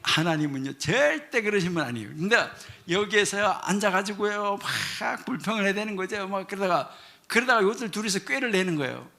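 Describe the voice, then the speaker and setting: A man's voice: sits high, fairly quick, gravelly. A middle-aged man preaching a sermon, telling a parable with acted-out dialogue and questions to the congregation. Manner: animated, acts out dialogue, asks congregation questions. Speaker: professor preaching. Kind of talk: sermon with storytelling.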